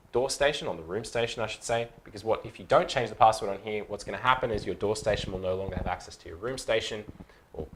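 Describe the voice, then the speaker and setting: A man in his thirties walks through a casual step-by-step tutorial in a lowish, fairly bright voice, with a little hiss or hum in the audio. He explains things informally and checks in along the way with "okay."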